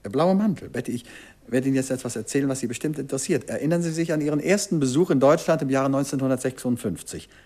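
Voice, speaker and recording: A male actor plays a courteous, persistent middle-aged detective in a 1950s German radio drama, questioning softly but insistently in a husky, gravelly voice. His medium-pitched delivery is fast and lightly acted, with an insistent, confronting mood.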